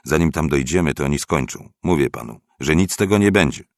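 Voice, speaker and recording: A man's voice: very deep voice, fairly quick, gravelly, no room sound, studio quality. A man reading aloud, voicing a bored, irritable man in his fifties who grumbles sullenly. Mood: grumbling. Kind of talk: audiobook reading.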